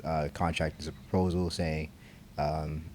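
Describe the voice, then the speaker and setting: A rumbling low, dark-toned male voice, unhurried and with little pitch movement, comes through with a bit of hiss or hum. The young man is a concrete estimator co-hosting a podcast, rambling casually amid fillers and restarts.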